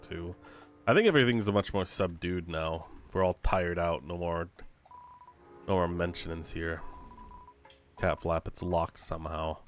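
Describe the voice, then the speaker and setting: A man giving casual let's play commentary in a wry, grumbling manner, sometimes swearing. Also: sits low. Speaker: gaming video host.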